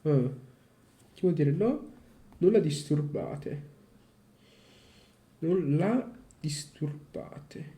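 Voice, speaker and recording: Dark-voiced man, halting and frustrated. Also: on the high side, lively intonation. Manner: halting, repeats syllables, swears in frustration. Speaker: language learner. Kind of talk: casual self-study vlog, reading aloud.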